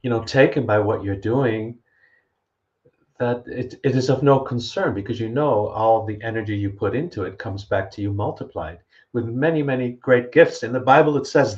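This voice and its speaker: Man, mid-range pitch, earnest emphatic coaching talk, dull recording. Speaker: guest coach for entrepreneurs. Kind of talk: motivational panel talk. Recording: dull, lo-fi audio.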